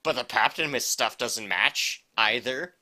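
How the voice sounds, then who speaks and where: A man talks casually as a podcast co-host, his voice very bright and forceful. He rambles and corrects himself mid-sentence with a wry, joking edge. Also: mid-range voice, a little slow. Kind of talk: casual chat.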